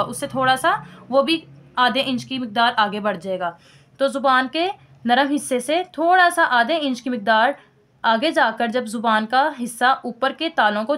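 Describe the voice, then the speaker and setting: A woman teaching a recorded recitation lesson, asking her own questions and repeating each point slowly. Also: high voice, fairly bright tone. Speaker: tajweed teacher.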